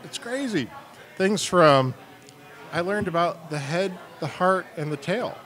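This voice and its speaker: A man's voice: sits high, expressive, measured pace, fairly bright tone. A middle-aged man co-hosting a beer show in a studio, cracking self-deprecating jokes and laughing often. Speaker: co-host, sales and marketing. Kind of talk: casual comedic chat.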